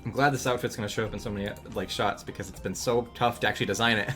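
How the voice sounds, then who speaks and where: A man chatting casually while drawing on a livestream, relaxed and rambling, thinking aloud with ums and laughs. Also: fairly low pitch, rapid-fire, faint music behind. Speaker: streamer and animator.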